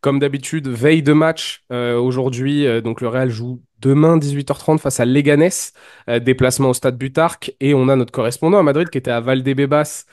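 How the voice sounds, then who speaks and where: A man's voice: mid-range voice, fairly even intonation, a little fast, a little mellow, no room sound, clean studio sound. A man hosting a football preview show, talking casually with many hesitations and fillers. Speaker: host. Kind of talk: casual chat.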